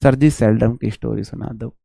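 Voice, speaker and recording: A man's voice: medium pitch, steady tone, normal speed, creaky, mellow, no echo, clean studio sound. A young man teaching grammar in a live online class, chatty and teasing, mixing Hindi and as he reads student questions aloud.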